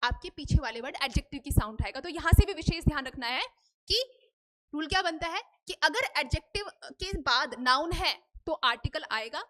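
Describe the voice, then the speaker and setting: तेज़ ऊँची आवाज़ वाली शिक्षिका. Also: female voice, sits high, expressive, fairly quick, fairly bright tone. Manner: asks students questions and answers them herself, repeats "ठीक है?". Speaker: English teacher. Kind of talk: Hindi-English grammar lesson. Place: classroom.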